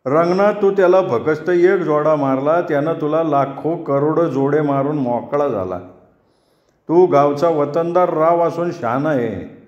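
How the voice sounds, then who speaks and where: A male narrator brings to life a sly, sharp-tongued village elder. He scolds with earthy proverbs and rustic idioms, in a raised, slightly high voice. The room around him rings with echo. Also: unhurried, muffled recording, natural voice. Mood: chiding. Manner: lecturing, proverb-laden, rustic dialect. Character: shrewd needling older village man. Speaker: village elder giving advice. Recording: roomy echo.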